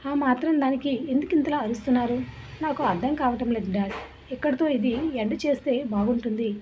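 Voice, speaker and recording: Brief: woman doing a calm, defiant, arrogant young man, faint hiss behind. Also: sits high, highs cut off, lightly acted. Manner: slow, calm and unyielding.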